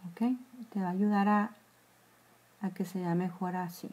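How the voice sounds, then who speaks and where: A woman's voice: lowish voice, level tone, measured pace, a little mellow. Chatty Mexican woman doing makeup. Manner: chatty, addresses viewers as girls, trails into whispers while applying makeup. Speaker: makeup vlogger. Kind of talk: live makeup tutorial. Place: small room indoors. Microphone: phone or webcam at close range.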